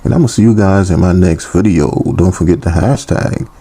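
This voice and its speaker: A man's voice: deep voice, a little fast, warm tone, slightly rough. A man hosting his own cooking channel, talking casually and teasing his viewers in a playful way. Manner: playful, teasing, petty humor.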